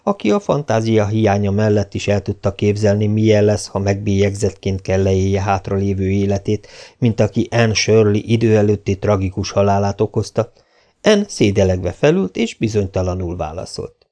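A man reading an audiobook aloud in a measured, steady way. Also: fairly low pitch. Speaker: audiobook reader. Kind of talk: scripted narration.

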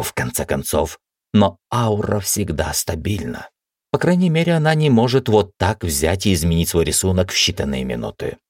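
A man's voice: low-pitched, a little mellow, no echo, studio quality, pitched above the performer's own voice. A man voicing an anxious, tender young female mage who pleads emotionally in a raised voice.

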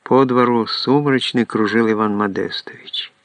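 A man narrating a literary audiobook in a measured, even storytelling manner. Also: mid-range voice, dry recording.

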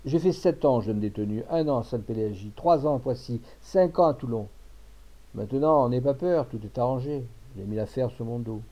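A man's voice: medium pitch, moderate pace, close to an everyday voice. A man voicing a grave former convict who speaks firmly and urgently, on a dull lo-fi recording. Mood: earnest. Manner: firm, urgent, earnest. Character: grave self-sacrificing former convict, a male mason.

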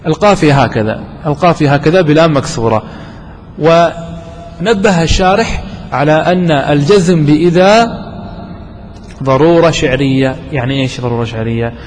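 A man teaching a classroom grammar lesson, quizzing his students and repeating examples slowly. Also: fairly high pitch. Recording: long hall reverb, faint background noise.

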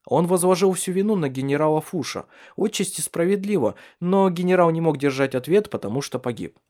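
A man narrating a literary audiobook in measured storytelling. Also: a little high, lively intonation, a little mellow.

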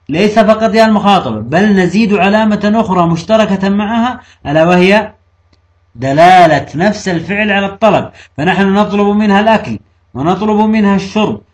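Male grammar teacher, high voice, slow emphatic quoting of examples. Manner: asks the class questions and answers them himself; slows down to quote and stress examples. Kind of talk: classroom grammar lesson.

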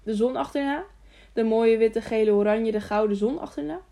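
A woman's voice: on the high side, normal speed, creaky, warm tone. Woman putting on an eager childlike young fool. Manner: repetitive, pleading questions. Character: simple-minded young man, childlike, lonely and eager.

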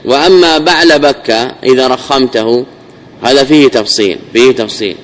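A sheikh giving a classical Arabic grammar lesson, repeating phrases and examples, asking and answering his own questions, his voice dropping low at the ends of phrases. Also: moderate pace, slight background noise, rough recording.

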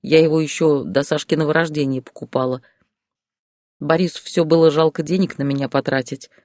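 A man voicing a calm young divorced mother in an audiobook story. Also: a little high, a little fast, no echo, studio quality, natural voice. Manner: calm, quiet.

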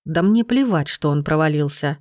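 A woman's voice: sits low, expressive, moderate pace, a little mellow, dry recording, clean studio sound. A woman reader voicing a greedy, threatening grown man, the heroine's brother, speaking harshly.

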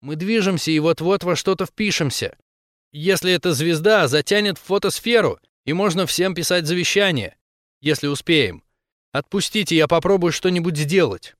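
A man voicing a frightened young woman hacker who pleads in a rapid, tearful way. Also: a little high, a bit bright, no echo, studio quality, voice pushed up, lightly acted. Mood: urgent.

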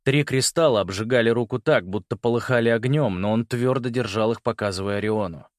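A man narrating a fantasy audiobook with a dramatic, expressive reading, close to the mic. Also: medium pitch, a little fast, no echo. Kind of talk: scripted narration.

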